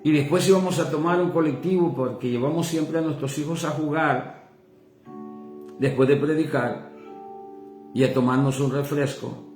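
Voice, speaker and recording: A man's voice: on the high side, normal speed, pauses often, darkish tone. A man with a Mexican accent preaching a sermon as pastor, impassioned and calling listeners brother. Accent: Mexican Spanish. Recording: echoey room with faint guitar music.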